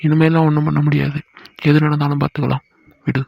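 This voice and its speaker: A man voicing a resigned young village man in love in a cartoon, explaining his troubles flatly. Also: on the high side, fast, gravelly, husky, dull audio.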